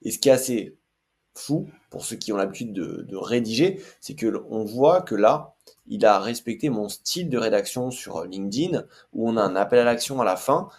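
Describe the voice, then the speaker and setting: Low-voiced chatty man demoing software. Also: expressive, normal speed, slightly rough. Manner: chatty, many filler hesitations. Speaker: tech tutorial host. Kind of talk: casual screen-share tutorial.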